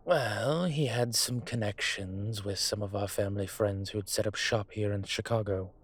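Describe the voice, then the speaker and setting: In an intimate audio roleplay drama set over dinner, a man voices a brooding, courteous, vengeful dragon mafia boss. His husky, lowish voice is measured and hesitant, pausing often, with a reflective mood.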